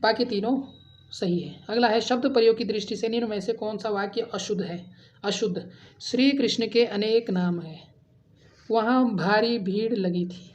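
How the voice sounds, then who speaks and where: A woman's voice: medium pitch, moderate pace, darkish tone. Woman teacher drilling Hindi grammar questions. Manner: addresses students as friends, asks and answers quiz questions; drills answers, repeating option letters. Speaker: exam prep teacher. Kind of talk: Hindi grammar exam lesson.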